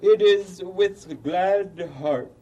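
A man voicing a pompous puppet king for children's television, formal and self-satisfied, speaking in a stately, booming royal manner. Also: very slow, mellow, distant mic, highs cut off, exaggerated voice. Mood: pompous, proclaiming.

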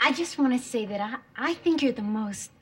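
A woman's voice: a little high, animated, fairly quick, a bit bright, slight background noise. An actress playing a timid, grateful young woman. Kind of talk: sitcom acting.

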